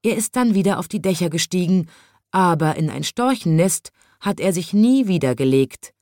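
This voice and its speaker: A woman reads a children's story aloud in a gentle, even way. Her voice sits fairly low for a woman and is recorded close and dry, with no room sound. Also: moderate pace, no echo.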